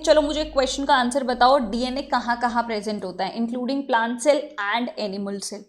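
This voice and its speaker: A woman, giving a brisk, chatty exam revision lesson and switching between Hindi and English. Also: high voice. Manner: brisk, chatty, mixes Hindi and English, fillers like theek hai. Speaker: exam prep teacher.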